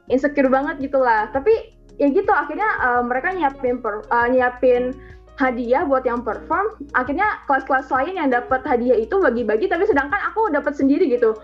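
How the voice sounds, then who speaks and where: Teen girl, high voice, earnest chatty church testimony, muffled recording with faint music behind. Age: teens. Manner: earnest, chatty, heavy use of filler tags. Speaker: student giving a testimony. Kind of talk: church testimony, casual storytelling.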